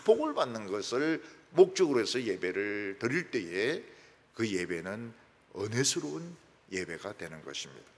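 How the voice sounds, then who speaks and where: A man preaching a sermon as pastor, animated and joking, acting out everyday phone calls and prayers. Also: on the low side, normal speed, breathy edge. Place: church sanctuary. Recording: reverberant church hall.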